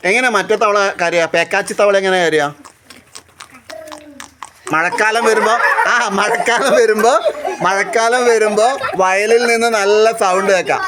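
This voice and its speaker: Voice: medium pitch, a bit bright, slight background noise. A teacher on a school outing, quizzing a group of children and repeating questions to prompt answers. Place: outdoors at a house with children around. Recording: chatter of children behind.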